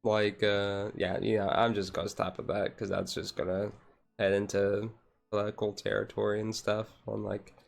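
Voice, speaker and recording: This streamer speaks in a low-leaning monotone with vocal fry at normal speed. He's chatting casually on a relaxed ASMR chill stream, rambling along and leaning on repeated "like" and "and stuff" as hedges.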